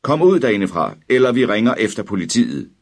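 A man voicing a father who demands loudly from behind a locked door. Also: mid-range voice, big pitch swings, creaky, slightly rough, voice pushed up, full character voice. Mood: demanding. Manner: loud, demanding. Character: angry father banging on a door.

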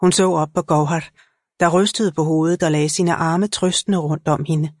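Low-voiced woman narrating an audiobook. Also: fairly even intonation, a little mellow, no room sound. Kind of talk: scripted narration.

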